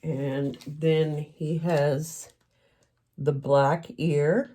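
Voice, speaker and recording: A middle-aged woman from Canada talks at an unhurried, slow pace while she crafts. Her voice sits a little low. She rambles candidly, with a slightly emotional edge. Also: little pitch movement, warm tone. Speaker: craft vlogger. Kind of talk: casual chat while crafting.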